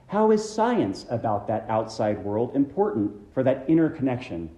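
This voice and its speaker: A man preaching a measured, reflective sermon as a minister, his phrases trailing off low at the ends. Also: very animated, mellow, reverberant, muffled recording.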